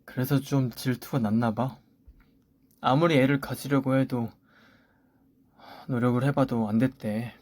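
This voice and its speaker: An older sister-in-law coaxes and makes excuses in a smoothing-over tone, as a man reads her lines. The voice is mid-pitched and dry, close to the mic. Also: steady tone, measured pace, pauses often, darkish tone, no echo, natural voice. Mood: placating. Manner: coaxing, excuse-making. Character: older sister-in-law, placating but blaming. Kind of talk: story radio voice acting.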